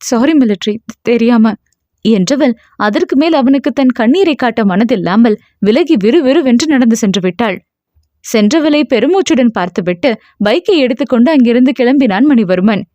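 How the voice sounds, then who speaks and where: A woman narrating a novel in a steady storytelling manner. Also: fairly high pitch, normal speed, no echo, highs cut off. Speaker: audiobook narrator. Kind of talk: scripted narration.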